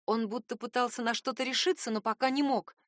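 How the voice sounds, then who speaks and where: A woman's voice: fairly high pitch, steady tone, brisk, no echo, clean studio sound. A woman narrating a first-person audiobook in a tense, dramatic reading.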